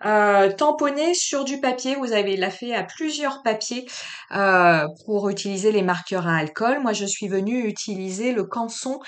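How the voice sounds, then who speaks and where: A woman hosting a craft tutorial, chatting casually to her viewers and filling pauses with frequent "euh" and "hein". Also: mid-range voice. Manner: friendly, talks straight to the viewers. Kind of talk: casual how-to narration.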